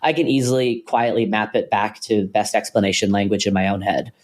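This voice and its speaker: Low-voiced man musing on a podcast. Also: steady tone, a little fast. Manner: thoughtful, many ums and restarts, hedging. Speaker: podcast co-host. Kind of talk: casual philosophical conversation.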